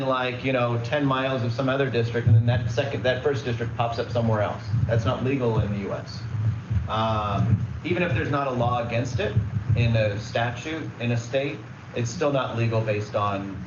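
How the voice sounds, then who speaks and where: A man's voice: mid-range voice, echoey room, far from the mic, muffled recording, noisy background. A man giving a conversational presentation at a public meeting, explaining rules with everyday examples and plenty of fillers. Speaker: redistricting consultant presenting.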